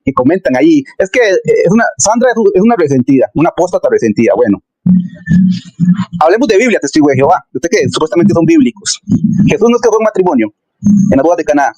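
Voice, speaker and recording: Fast, animated man, dry sound. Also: a little high, no echo, poor audio. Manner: argumentative, rhetorical questions, addressing critics. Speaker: interview host. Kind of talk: conversational commentary.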